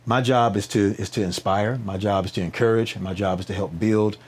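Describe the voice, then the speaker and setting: A nonprofit founder appears as a podcast guest, telling stories in an animated, conversational interview with preacher-like emphatic repetition, rhetorical questions and frequent check-in tags. His fairly low voice is steady in tone and a little fast, with slight background noise.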